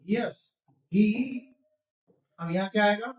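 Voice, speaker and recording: A man teaching spoken English, drilling phrases slowly and quizzing the viewer. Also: sits high, echoey room, rough recording.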